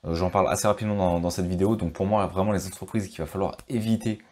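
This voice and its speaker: French male finance vlogger, low and mellow voice, loose unscripted delivery full of hesitations. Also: steady tone, fast. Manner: thinks aloud with frequent fillers and restarts. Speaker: stock market youtuber. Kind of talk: casual explainer commentary.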